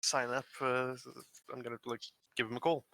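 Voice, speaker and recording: A man's voice: mid-range voice, little pitch movement, normal speed, pushed and bright. A man chatting casually as a player in a tabletop roleplaying game.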